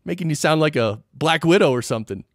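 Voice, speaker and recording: A man hosting a podcast, chatting casually and explaining technical points in a halting, repeating way. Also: a little high, expressive, dry recording, studio quality. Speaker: podcast host. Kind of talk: casual technical interview chat. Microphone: dynamic studio mic an inch from mouth.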